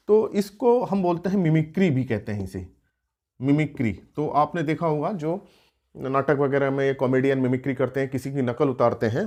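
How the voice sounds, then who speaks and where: Guy teaching a class, kinda high voice, explains stuff step by step, lots of uh's. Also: a little mellow. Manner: explanatory, with frequent "uh" fillers and rhetorical questions. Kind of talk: exam-prep lecture.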